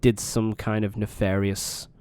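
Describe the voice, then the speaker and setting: A man's voice: lowish voice, level tone, unhurried. A young man giving casual, rambling, sweary gameplay commentary while recovering from a cold. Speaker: let's play host. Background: loud game music.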